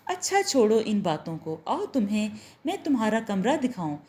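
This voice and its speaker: A woman's voice: mid-range voice, very animated, moderate pace, warm tone, close to an everyday voice. A sweet, tender witch-girl, as a woman reads her. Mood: gentle. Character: young woman turned witch, loving, possessive.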